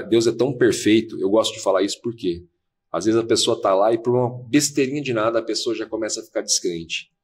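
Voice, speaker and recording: A man's voice: fairly low pitch, slightly rough. A man, a podcast guest, earnestly telling a personal story and replaying conversations as they happened. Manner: fast, earnest, replays dialogue. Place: podcast studio.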